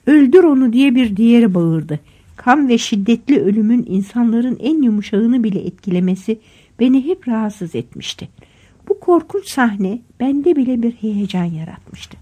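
A woman's voice: fairly high pitch, mellow, slightly rough. A woman narrating an audiobook in the first person, telling a violent story with vivid, dramatic storytelling.

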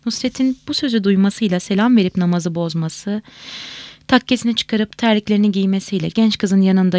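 A woman reads a novel aloud at a measured, expressive pace. Her mid-pitched voice carries a gravelly fry. The recording is dry and close with no room sound. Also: no room sound. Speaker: audiobook reader.

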